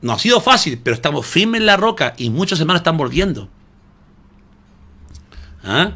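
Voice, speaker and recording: A man's voice: on the high side, big pitch swings, moderate pace, sharp tone. A man preaching a sermon as pastor, emphatic and full of rhetorical questions to his listeners. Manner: emphatic preaching, calls listeners "hermano" often; asks the audience rhetorical questions.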